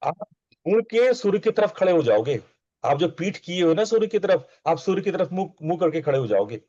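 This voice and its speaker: A man's voice: high-pitched, big pitch swings, a little fast, dark tone, no room sound, muffled recording. A man speaking as a spiritual teacher, giving a conversational, coaxing discourse and repeating phrases for emphasis.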